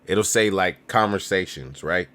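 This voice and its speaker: A man's voice: sits low, measured pace, fairly bright tone. A young man giving casual travel tips in a vlog, talking in slang and acting out other people's lines. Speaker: travel vlogger.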